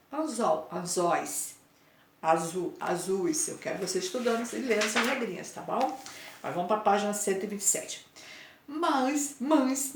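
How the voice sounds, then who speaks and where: A woman teaching Portuguese grammar to pupils in a Brazilian accent, patiently spelling out word endings and checking in with "né?" and "tá?". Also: medium pitch. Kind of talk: explaining homework to pupils. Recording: echoey room.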